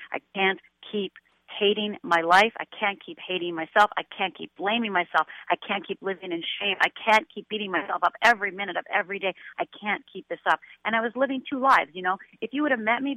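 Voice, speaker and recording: A middle-aged woman guest speaks by telephone, so her voice comes through narrow and tinny with no room around it. She tells her story earnestly and with feeling, jumping higher whenever she mimics her old self. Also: no room sound. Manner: earnest, emotional, voice rises when quoting herself. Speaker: guest, life coach. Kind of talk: radio interview, personal story. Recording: tinny phone line.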